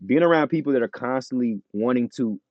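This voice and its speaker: A man's voice: medium pitch, brisk, no echo, lo-fi sound. A man in a casual interview chat as a rapper guest, laid-back and full of "you know what I'm saying".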